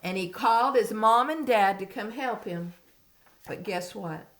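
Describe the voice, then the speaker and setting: A woman reading a picture book aloud as if to a toddler, with simple questions and expressive, teacherly storytelling. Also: medium pitch, measured pace, rough recording. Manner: simple child-directed talk, as if reading to a toddler; expressive storytelling, dropping to hushed asides.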